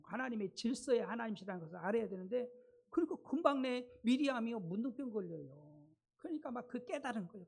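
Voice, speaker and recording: A man's voice: high voice, creaky, a little mellow. A man preaching a sermon as a pastor in a church, retelling stories in a colloquial way and asking the congregation rhetorical questions. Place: church sanctuary.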